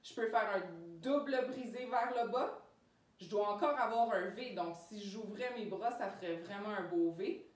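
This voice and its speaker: A woman with a Québécois French accent, coaching cheerleading and explaining each move step by step in a clear, upbeat way. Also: medium pitch, moderate pace. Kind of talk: instructional demonstration. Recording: echoey room, mic far off.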